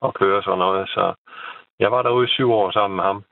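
A man's voice: deep voice, fairly even intonation, gravelly, dry recording. A middle-aged man calling in over the phone, chatting casually and rambling with repeated words and tag questions. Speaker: caller. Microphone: telephone. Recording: tinny phone line.

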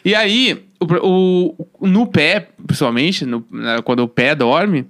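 A man from Rio do Sul, co-hosting a podcast from a home studio and telling stories in a casual, slangy, animated way. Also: fairly high pitch, slow pace. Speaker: podcast co-host. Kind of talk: casual chat.

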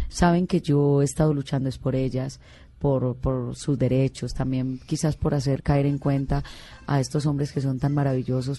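With a very deep, dark-toned voice, this guest singer, a middle-aged woman from Colombia, shares personal stories in an interview. She speaks earnestly and emotionally, restarting often.

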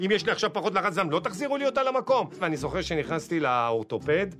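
A man in his forties telling comic personal stories in an animated way, acting out the dialogue. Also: high-pitched, faint music behind. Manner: animated, exclaiming, acts out dialogue. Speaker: storyteller.

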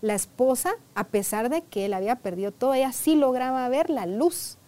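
A woman's voice: on the high side, animated, moderate pace, warm tone. Conversational woman therapist telling a case. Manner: conversational, peppered with "¿verdad?" and "o sea"; re-enacts dialogue from sessions. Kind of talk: storytelling in a conversational interview.

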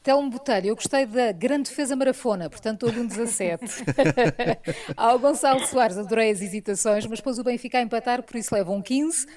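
Slightly high Portuguese woman, casual. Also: a little fast, a little mellow. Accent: European Portuguese. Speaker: contest juror. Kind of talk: casual remarks.

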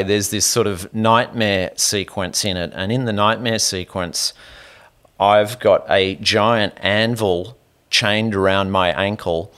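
A male podcast host with a lowish voice tells a story in an animated, meandering way. He trails off, restarts his sentences and circles back, chatting with his guest in a loose conversational style. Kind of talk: conversational interview.

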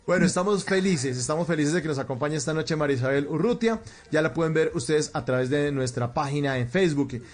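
A male radio host with a fairly high voice for a man. He presents and asks questions in a live interview. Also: expressive, fast talker, few pauses.

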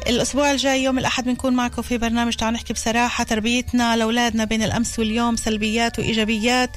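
Very fast-talking woman radio host. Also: on the high side, flat delivery, faint music behind. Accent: Palestinian Arabic. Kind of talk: radio talk show hosting.

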